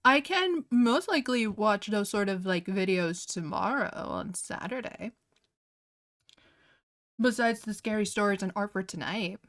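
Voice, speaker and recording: A young woman livestreams while drawing, chatting casually in a mid-range, fairly bright, expressive voice at a measured pace. She says "like" a lot and keeps giggling as she reacts in disbelief.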